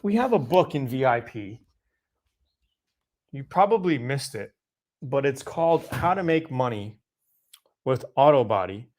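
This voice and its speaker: A middle-aged man hosting a casual live Q&A, answering viewer questions in a loose, conversational way with fillers and self-corrections. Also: medium pitch.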